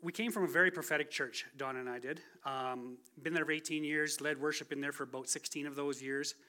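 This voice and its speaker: In a church sanctuary, a guest speaker in his forties tells his testimony in a casual, chatty way, joking at his own expense like he's just talking with the congregation. He has a fairly high pitch, fairly even intonation, and a sharp tone, and he moves fairly quickly.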